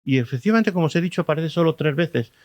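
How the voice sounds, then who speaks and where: Spanish preacher teaching a sermon. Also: male voice, a little high, lively intonation, quick pace, a little mellow. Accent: Spanish from Spain. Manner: teaching tone with rhetorical questions to the congregation; repeats key words for emphasis.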